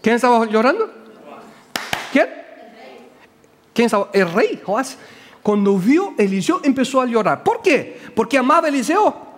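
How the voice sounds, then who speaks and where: Non-native guy preaching, high voice that jumps all over, keeps quizzing the crowd. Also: normal speed, pauses often, big-room sound. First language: not Spanish. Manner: animated, asks the audience questions, hesitant with word searches. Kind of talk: sermon, Bible teaching.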